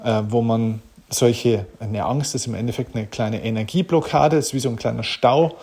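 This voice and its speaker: A man's voice: mid-range voice, moderate pace, mellow, breathy edge. A man giving an earnest, direct motivational talk, answering questions and addressing the listener personally. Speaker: motivational speaker.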